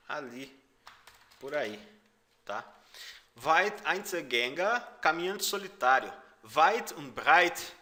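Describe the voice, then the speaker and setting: A man with a Brazilian Portuguese accent gives a language lesson at an unhurried pace. His voice is bright and sits a little high, and he repeats phrases patiently, saying the foreign words louder. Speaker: German teacher. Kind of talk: language lesson explaining song lyrics.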